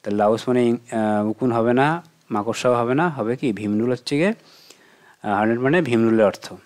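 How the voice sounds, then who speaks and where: Male tutor, Bengali accent, mid-pitched voice, patient question-and-answer delivery for young students. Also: normal speed, a little mellow. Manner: patient, asks and answers his own questions. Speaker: teacher. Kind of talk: exam question walkthrough for children.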